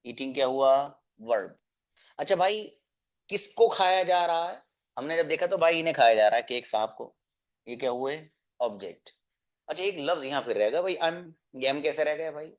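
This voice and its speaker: A man's voice: fairly high pitch, animated, moderate pace. A man, teaching an online class. He explains patiently and repeats himself, asking his students question after question. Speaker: English teacher.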